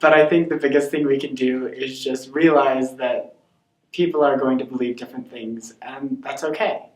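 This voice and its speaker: A man's voice: mid-range voice, fairly even intonation, normal speed, far from the mic. Young male student, earnest, off-mic in a roomy space. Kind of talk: casual interview answers.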